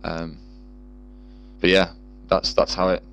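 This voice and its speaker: A man's voice: low voice, level tone, slow pace, vocal fry, a bit bright, faint music behind. A man in casual chat, rambling and swearing freely with lots of fillers. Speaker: guest musician.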